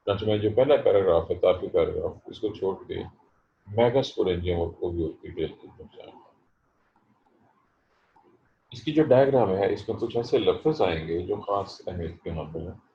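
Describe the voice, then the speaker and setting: A man teaching a botany class online, explaining terms slowly and stressing how to pronounce them. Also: sits low, gravelly, reverberant, dull audio, a little hiss or hum. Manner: slow, explanatory, stresses pronunciation. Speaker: botany professor. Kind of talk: online lecture.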